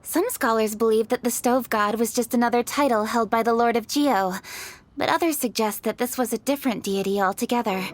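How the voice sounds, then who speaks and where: An actress playing an earnest young female scholar who explains old traditions in a measured, thoughtful way. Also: on the high side, lightly acted.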